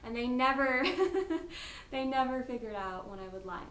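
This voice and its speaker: A woman's voice: high-pitched, slow, slight background noise. Giggly young woman in an echoey room. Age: 20s. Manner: giggly, chatty, slightly nervous. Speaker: reality show applicant. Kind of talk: casting interview.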